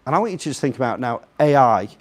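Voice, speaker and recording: Lively in intonation, the man talks fast in a mid-range voice with a slightly Scouse accent. As a guest speaker live in a room, he gives an informal, jokey, rambling talk and puts questions straight to the audience.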